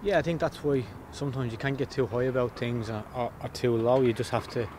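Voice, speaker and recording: A footballer in his thirties gives a post-match interview outdoors beside the pitch, with background noise around him. He's plain-spoken and steady in tone, talking a little fast and repeating words as he thinks.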